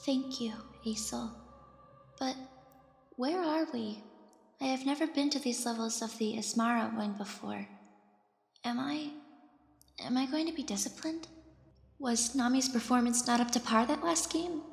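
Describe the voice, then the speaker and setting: A woman's voice: on the high side, a little slow, creaky, pauses often. A woman playing an anxious, deferential young squire, hesitant and stammering, narrating her own thoughts in an audio drama. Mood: flustered, anxious. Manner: hesitant, stammering when addressed. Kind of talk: scripted first-person dramatic narration. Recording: roomy, reverberant, music behind.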